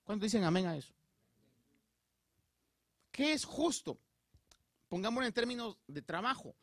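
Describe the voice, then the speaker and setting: A man's voice: sits high, normal speed, no room sound, studio quality. A male pastor preaching a sermon, talking straight to his congregation and checking in with them often. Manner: addresses the congregation directly with frequent check-ins; animated, preacherly delivery with rising emphasis. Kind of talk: Spanish-language sermon.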